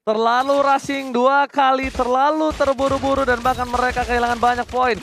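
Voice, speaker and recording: A man with an Indonesian accent calling an esports match play-by-play like a fighting game announcer, with dramatic, drawn-out exclamations and catchphrases. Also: very high-pitched, level tone, a bit bright, a little hiss or hum.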